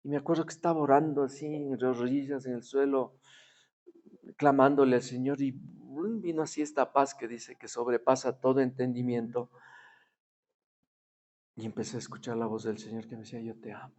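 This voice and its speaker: A man's voice: medium pitch, steady tone, normal speed, a little mellow. A man preaching a sermon in a conversational tone, often asking his listeners to agree and acting out the voices in his stories. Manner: acts out quoted voices in his story. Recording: dull lo-fi recording.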